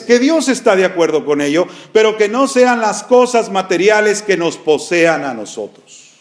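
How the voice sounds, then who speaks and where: A man preaching in a notably high voice, earnest and direct. He speaks as a pastor at the pulpit, often calling his listeners brothers. He sounds middle-aged, in a steady sermon style.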